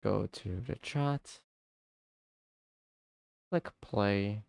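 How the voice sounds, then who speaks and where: A man chatting casually and playfully as he livestreams a game, rambling in halting bits and repeating his phrases. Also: lowish voice, creaky, a little mellow, smooth, no echo, studio quality. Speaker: livestreamer, VTuber. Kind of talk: casual livestream chat while playing a block-building game.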